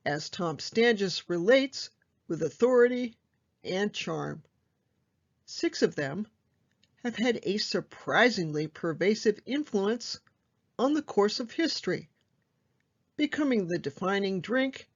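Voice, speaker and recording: A woman librarian reads book reviews aloud at a slow, unhurried pace. Her voice sits at an ordinary middle pitch, and the recording sounds dull and lo-fi. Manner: slow, measured reading with asides. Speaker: librarian host.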